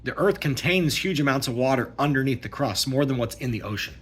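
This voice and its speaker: Casting: husky-voiced man, mid pitch, rambling emphatic rant, frequent "okay?". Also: animated, a little fast. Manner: emphatic, repetitive, keeps asking "okay?". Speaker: vlogger. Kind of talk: casual ranting monologue.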